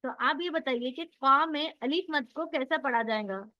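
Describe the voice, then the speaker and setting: A woman's voice: sits high, normal speed, pushed and bright, dull audio. A woman teaching Quran recitation in an online class, patiently drilling sounds and quizzing her students.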